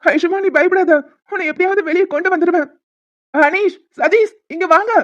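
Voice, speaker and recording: A woman's voice: extremely high pitch, normal speed, fairly bright tone, dull audio. A woman voicing a protective young man in a cartoon, urgent and reassuring. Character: protective young man rescuing his fiancée. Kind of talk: cartoon voice acting.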